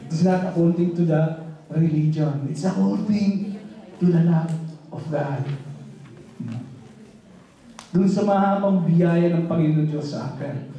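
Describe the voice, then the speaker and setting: A man's voice: on the high side, warm tone. A male pastor preaching a sermon in a church, in a loose conversational style with rhetorical questions. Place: church hall. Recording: echoey hall, voice from far off.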